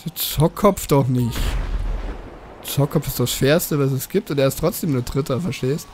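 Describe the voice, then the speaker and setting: A man's voice: medium pitch, normal speed, a little mellow, slight background noise. A man co-playing a racing game, chatting casually and yelping when things go wrong. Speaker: co-player. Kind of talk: casual let's-play chatter.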